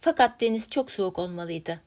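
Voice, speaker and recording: A woman narrating a classic literary story in a measured, dramatic reading style. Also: on the low side, animated, darkish tone. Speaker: story reader.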